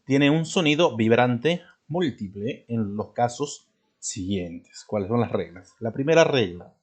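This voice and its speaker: A man teaching a spelling lesson, who clears his throat often, drills example words one by one and keeps checking in with the student. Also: mid-range voice, lively intonation, a little mellow. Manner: checks in constantly with "¿de acuerdo?" and "¿no?"; stresses and drills each example word slowly.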